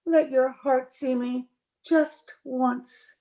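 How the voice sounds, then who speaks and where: In this old-time radio acting, a woman takes the role of a young bride who is unhappy and lovesick in a gothic story. Her slow, high voice is steady and warm, heavily acted, pleading and emotional with theatrical flair.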